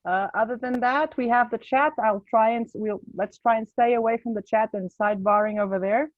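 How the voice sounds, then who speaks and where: A woman helping run a club meeting over a video call, explaining the chat and adding brisk, friendly remarks. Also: fairly high pitch, no room sound. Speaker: meeting tech helper. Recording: dry, dull video-call audio.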